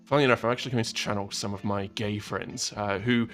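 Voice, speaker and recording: A man's voice: fairly low pitch, fairly even intonation, fast, a bit bright, faint music behind. A man streaming a video game, chatting playfully and teasing his viewers. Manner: playful, teasing, laughs often. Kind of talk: casual game stream chat.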